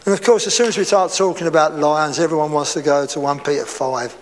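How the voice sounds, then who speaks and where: A man's voice: a little high, fast, slight background noise. A man preaching a sermon to a congregation in a casual, conversational way, with chatty asides and humor. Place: church hall before a congregation. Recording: reverberant hall.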